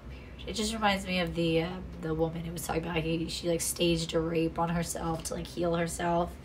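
In a fairly low, flat voice at a moderate pace, a young woman discusses true crime from a small home room with noise in the background. She curses freely, adds sarcastic asides, and often restarts mid-thought.

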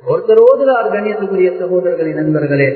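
A man's voice: high-pitched, lively intonation, fairly quick. A man giving an Islamic sermon, addressing listeners as respected brothers and friends and chanting Arabic verses. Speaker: preacher. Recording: tinny, echoey hall from far off.

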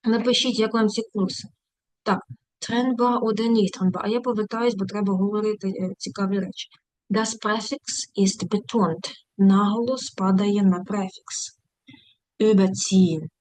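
A woman teaching a German grammar lesson online, chatty, with quick asides and slow, deliberate example sentences. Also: on the high side, a little mellow, dry recording. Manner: chatty, switches quickly between explaining and asides. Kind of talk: live online language lesson.

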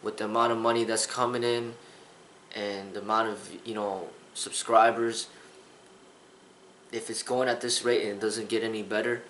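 A man's voice: lowish voice, little pitch movement, moderate pace, a bit bright, reverberant, slight background noise, low-quality recording. A man in his thirties, a kung fu instructor, talking earnestly to the camera in a casual vlog, rambling with restarts. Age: 30s. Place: small indoor room with a sofa.

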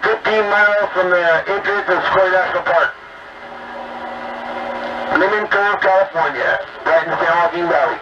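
A man's voice: high-pitched, moderate pace, pauses often. A man on a CB radio call, chatting in an easygoing way and repeating his phrases. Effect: heard over CB radio. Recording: distant muffled CB radio with heavy static.

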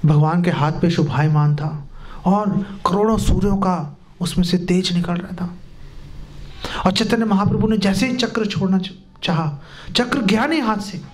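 A man, a spiritual teacher, telling a sermon story to a live audience, animated and joking with his listeners. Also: sits high, normal speed.

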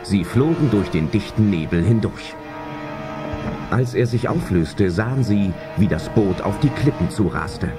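In this adventure audio drama, the narrator is a man with a fairly low, expressive voice who reads a little slowly. His delivery is scripted, suspenseful storytelling over loud background music.

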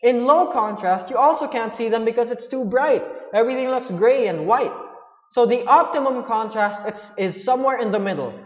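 A man's voice: sits high, reverberant, in a large hall, dull audio. A man explaining a science lesson to students in a loose, chatty way, with fillers as he goes. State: hiccuping. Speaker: science teacher.

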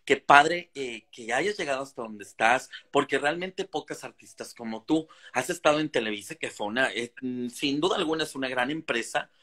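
A man's voice: medium pitch, lively intonation, moderate pace, few pauses, pushed and bright. A man from Mexico interviewing a guest over a live video call, admiring and wordy, with many fillers. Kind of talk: casual interview chat.

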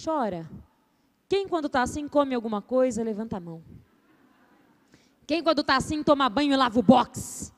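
Woman, storyteller, high voice, expressive, playful, involves the audience. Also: brisk, long pauses. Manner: expressive, playful, asks the audience to raise hands. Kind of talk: live storytelling performance to an audience. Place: seminar stage before an audience.

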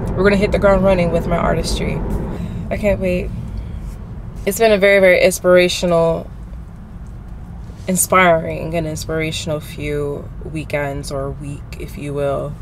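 A woman's voice: low voice, level tone, normal speed, pauses often, poor audio. A young woman vlogging from a car at night, talking in a heartfelt, prayerful way and repeating phrases for emphasis. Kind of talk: reflective car vlog talk. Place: inside a car at night, traffic outside. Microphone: camera mounted on the dashboard. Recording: loud road and car noise.

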